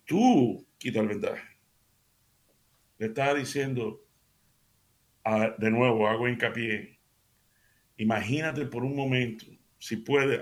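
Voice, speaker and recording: A man preaches to his radio audience in a relaxed, conversational way, often stopping to restart a sentence or fill a pause. His mid-range voice has a clear gravelly edge. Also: mid-range voice. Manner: conversational, addresses listeners directly with many fillers and restarts. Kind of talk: radio devotional sermon.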